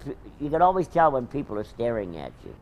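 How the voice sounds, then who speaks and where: Gravelly, lively man. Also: mid-range voice, quick pace. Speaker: interviewee.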